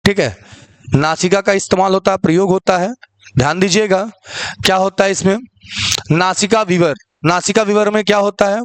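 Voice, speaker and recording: Man, teacher, fairly high voice, dry close sound, quizzing lecture style, answers his own questions. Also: dry recording. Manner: asks the class questions and answers them himself; repeats "ठीक है" often. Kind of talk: online exam-prep lecture.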